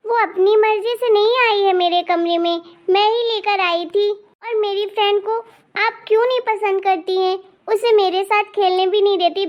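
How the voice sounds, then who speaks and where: A woman voicing a confident, loyal rich young girl in an animated cartoon, talking in an insistent, bossy way. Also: very high voice, dull audio. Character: bold, loyal rich young girl who defends her friend.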